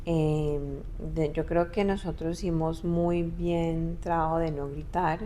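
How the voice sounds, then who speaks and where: Slow, low-voiced young woman, hesitant. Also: steady tone, mellow, slight background noise. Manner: hesitant, searching for words, frequent restarts. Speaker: guest, adult daughter. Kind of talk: casual podcast conversation.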